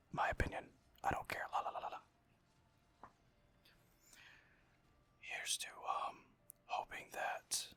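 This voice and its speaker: Chatting over gameplay in a breathy, close-mic whisper, this young man sounds sharp, with no room sound at all. The ASMR gaming creator's talk is rambling and casual, with occasional swearing and self-mockery.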